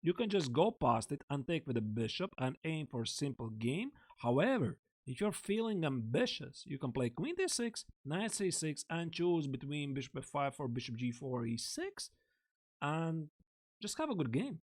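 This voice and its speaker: Speaking at normal speed with big swings in his fairly high pitch, this native Latvian speaker runs a live-streamed chess lesson. He works through lines aloud and chats casually with viewers over a close desk mic.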